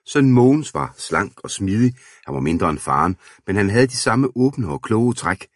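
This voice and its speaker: A man narrating a historical storybook aloud in a steady, even way. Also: on the low side, no echo, clean studio sound. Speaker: audiobook reader.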